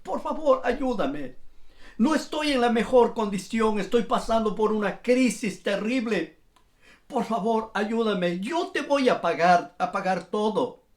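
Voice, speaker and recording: A man's voice: high-pitched, animated, measured pace. A male preacher voicing a desperate indebted servant who pleads for mercy and repeats himself. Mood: desperate pleading.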